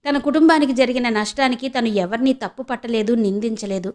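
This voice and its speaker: A woman narrating a serial audio novel in a steady storytelling manner. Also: on the high side, fairly quick. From India.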